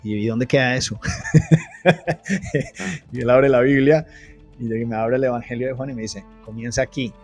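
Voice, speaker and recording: Male guest, earnest testimony storytelling, average pitch, soft music under. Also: huge pitch swings, measured pace, long pauses. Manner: earnest storytelling, frequent restarts. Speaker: guest telling his testimony. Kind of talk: personal testimony in an interview.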